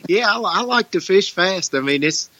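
A man's voice: high voice, animated, normal speed, sharp tone, dry recording, dull audio. A man chatting casually about fishing as an interview guest. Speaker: guest, tournament bass angler.

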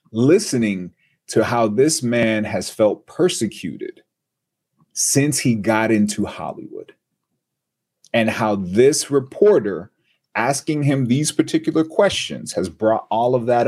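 Husky-voiced male guest, animated raconteur acting out quotes. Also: lowish voice. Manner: animated storyteller who acts out quotes. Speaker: guest, TV and radio personality. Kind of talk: storytelling in a podcast interview.

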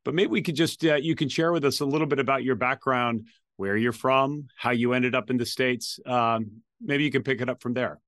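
A man's voice: medium pitch, fairly quick, a bit bright, no echo, studio quality. A man hosting an interview podcast, asking questions in a friendly, conversational way with frequent fillers. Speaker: podcast host.

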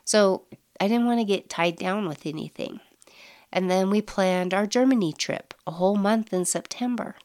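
A middle-aged woman hosting a casual solo podcast, effusive and upbeat with soft breathy asides, sounding nasal from allergies. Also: mid-range voice, normal speed. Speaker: podcast host.

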